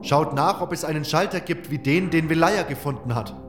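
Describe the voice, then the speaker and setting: A man as a bold, sardonic adventurer hero, raised pitch. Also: fairly quick, reverberant, over music, natural voice. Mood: calling out.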